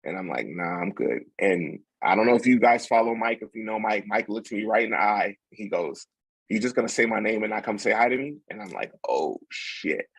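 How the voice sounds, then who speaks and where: A young man, a podcast guest, telling a story in a relaxed, rambling way with plenty of fillers and restarts. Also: fairly low pitch, brisk, creaky, husky, no echo, poor audio. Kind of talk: casual storytelling.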